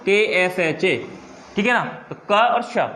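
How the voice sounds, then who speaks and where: A man's voice: sits high, slow, pushed and bright, slight background noise. A man teaching a Hindi lesson, asking the class questions and answering them himself, repeating key terms. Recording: echoey room.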